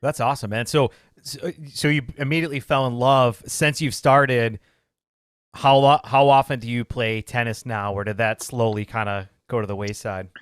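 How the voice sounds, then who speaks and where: A man co-hosts a casual podcast chat, asking friendly questions and teasing his partner. His voice is smooth and resonant, recorded close and dry. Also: medium pitch, steady tone, moderate pace, no echo. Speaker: podcast co-host.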